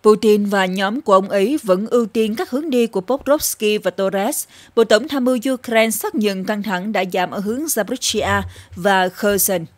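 A woman presenting scripted news in a formal, measured newsreader delivery. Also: medium pitch.

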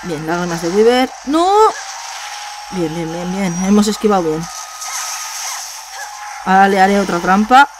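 A woman gamer with a Spain Spanish accent, giving let's play commentary; she gets excited, swears and repeats words. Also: mid-range voice, unhurried, long pauses, background noise.

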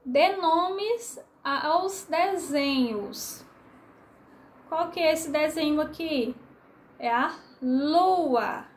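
A woman's voice: high-pitched, drawn-out words. A woman teaching a remote literacy lesson to first graders in Brazilian Portuguese, patiently drawing out syllables for young children.

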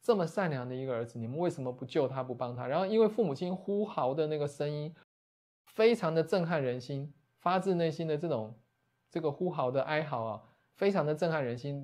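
A man, a Buddhist monastic teacher retelling a scripture story as a lecture, often closing phrases with soft tags. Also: on the high side.

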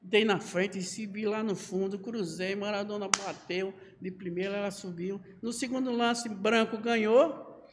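A man's voice: sits high, a little slow, in a large hall, background noise. A man, a podcast guest telling stories with energy and acting out other people's lines. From Northeast Brazil. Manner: lively storyteller who acts out other people's lines. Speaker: podcast guest, former footballer. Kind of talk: animated storytelling interview.

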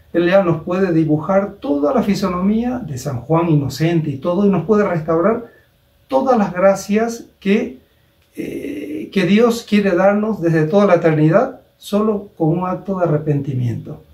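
A man giving a storytelling sermon at a deliberate pace, posing rhetorical questions to his listeners as he goes. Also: high voice, a little mellow. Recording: roomy echo, distant mic.

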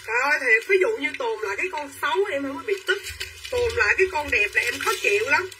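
A young woman selling clothes on a livestream, talking quickly and pushing viewers to claim items. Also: high voice, lively intonation, recorded from a distance, noisy background. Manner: quick and pushy, urging buyers to claim items. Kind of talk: live-selling chatter to viewers.

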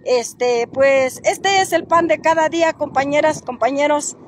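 A woman's voice: high-pitched, a little hiss or hum. A Mexican woman activist filming a confrontation on the street with a phone, stopping often on fillers and turning to speak to her viewers. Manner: halting, many fillers, addresses viewers directly. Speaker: citizen activist filming police. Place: outdoors on a street.

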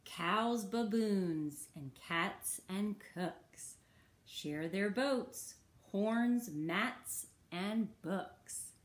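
Woman storyteller for kids, very slow and sing-song, roomy echoey sound. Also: medium pitch. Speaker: children's story reader. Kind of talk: reading a picture book aloud. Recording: roomy echo.

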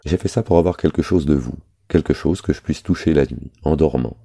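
Man reading a capricious jealous young woman, storybook, very low voice, dark tone, plainly read. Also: brisk, creaky, slightly rough, heavily acted.

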